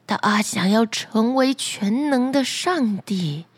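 A woman's voice: on the high side, expressive, slow pace, slightly rough, no echo, full character voice. A woman voicing a timid, meek fisherman who pleads fearfully with his wife in a bedtime story.

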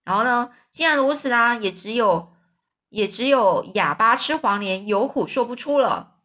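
A woman narrating a children's story in a lively, animated way. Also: a little high, moderate pace. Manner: lively, with frequent fillers and restarts.

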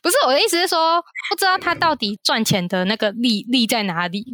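A woman's voice: fairly high pitch, fast talker, pushed and bright, no echo, studio quality. A woman co-hosting a casual podcast, speaking with a blunt, joking manner. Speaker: podcast co-host. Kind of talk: casual chat.

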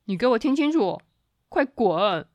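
A woman voicing a rude, bad-tempered grown man who barks and shouts, in a children's storybook. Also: a little high, a little slow, no echo, lo-fi sound, natural voice. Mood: angry.

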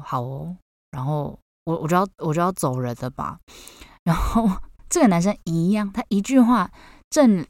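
A young adult woman with a Taiwanese Mandarin accent, hosting a podcast and telling a personal story in an animated, incredulous way, often tossing in "OK". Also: low-pitched, dry recording, studio quality. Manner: animated, incredulous, peppers speech with "OK". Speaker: podcast host.

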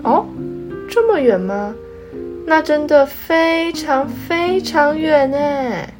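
Casting: woman playing playful, loving daddy rabbit, slow and very animated, picture-book reading to a toddler. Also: high voice, over music. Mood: tender. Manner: exaggerated, drawn-out delivery.

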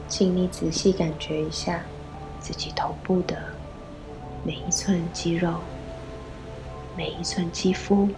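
A woman leading a guided meditation, gently giving instructions in a soft, breathy voice with pauses. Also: on the low side. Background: background music.

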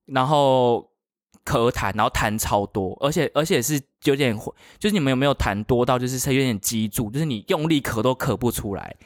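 A man's voice: mid-range voice, brisk, no room sound, clean studio sound. A man co-hosting a casual podcast, telling a story and acting out the people he quotes. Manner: animated storyteller who acts out quoted people. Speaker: podcast co-host. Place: in the United States.

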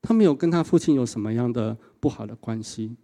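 A male pastor, preaching a sermon and telling stories in an animated way, often tagging sentences with a short "ha". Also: medium pitch, quick pace. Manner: animated storytelling with a frequent 哈 tag.

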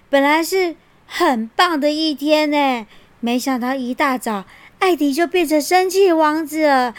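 A woman reading a picture book aloud to a child, gentle and expressive. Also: high voice, no echo. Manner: gentle and expressive, laughs often.

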